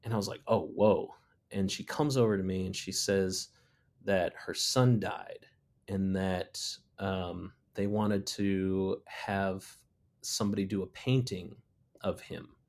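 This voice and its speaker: Low-voiced man telling a rambling story. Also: takes it slowly. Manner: relaxed, rambling, frequent fillers and restarts. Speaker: muralist recounting a personal ghost story. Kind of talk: casual spoken storytelling.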